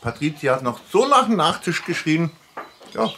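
A man's voice: fairly high pitch, sing-song, moderate pace, fairly bright tone, slight background noise. A man hosting a casual grilling vlog outdoors, chatty and playful as he presents a dessert to friends. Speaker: grill channel host. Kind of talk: casual cooking vlog chat.

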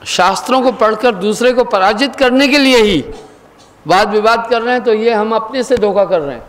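A man giving a spiritual discourse, earnest and questioning, sometimes chanting verses slowly. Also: high voice. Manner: sings verses in slow chant. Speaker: spiritual teacher. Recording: long hall reverb.

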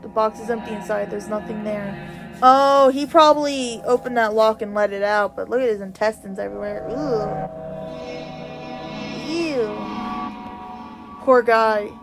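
A woman streaming a game live, reading the on-screen text aloud and reacting with excitement. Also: fairly high pitch, a little slow, long pauses, music in the background. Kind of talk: live gameplay commentary. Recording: loud insect and cricket noise behind.

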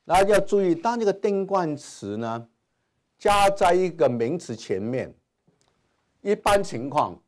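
Male grammar teacher giving a classroom lecture, lively pitch, constant filler sounds. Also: unhurried. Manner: frequent "啊" and "哈" fillers, mixes English terms. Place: classroom with whiteboard.

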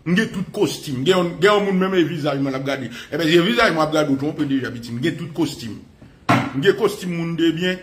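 A man's voice: on the high side, a little fast, roomy sound, slight background noise. A man with a Haitian accent, a radio commentator delivering a crude, mocking rant. He laughs through his words and mixes Creole and French.

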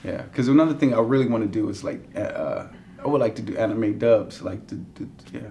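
A middle-aged voice actor chats in a casual interview in a dim hotel room, telling stories animatedly, acting out quotes and breaking into giddy, easy laughter. His fairly low voice moves briskly, and the recording has a little hiss or hum.

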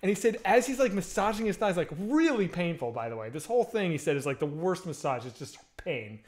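This high-pitched man in his thirties speaks a little fast while hosting a casual video call. A podcast host, he uses a headset mic in his bookshelf-lined home room and tells crude stories in an animated way.

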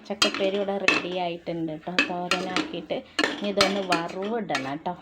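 A woman's voice: lowish voice, steady tone, normal speed, very noisy. A woman, a home cooking vlogger and mother, chatting casually to viewers as she cooks and tagging friendly asides onto her sentences. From Malappuram, Kerala. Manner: chatty, keeps adding friendly tag questions to viewers. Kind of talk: casual cooking vlog narration. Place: home kitchen while cooking. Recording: loud clattering pots, dishes and stirring.

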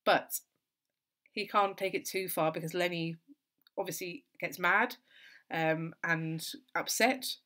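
A woman tutor giving an exam-revision literature lesson, explaining in a steady, thoughtful way with lots of "so" and "kind of". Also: lowish voice, slow, pauses often.

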